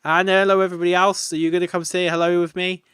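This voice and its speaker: A man talks his way through a game live stream, rambling and joking, with a tired edge. His voice sits a little high and sounds smooth and clear. The mic is close, with a dry sound. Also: level tone, fast, fairly bright tone, no echo. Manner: chatty and rambling, laughs at his own jokes. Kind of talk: casual live-stream commentary.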